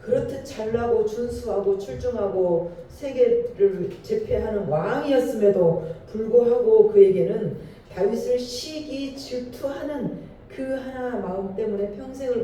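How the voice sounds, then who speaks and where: In a church sanctuary, a male pastor preaches a Sunday sermon, posing questions to the congregation and driving his points home with emphasis. His voice sits high and is expressive, mellow, and a little slow, with a slight hiss or hum, recorded from far off in an echoey hall.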